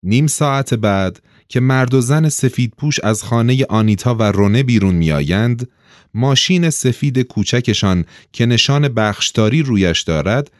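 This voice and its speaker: A man narrating an audiobook in an expressive storytelling manner. His voice sits low and moves widely up and down across the lines. The recording is dry and close, with no room sound. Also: no echo. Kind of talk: scripted narration.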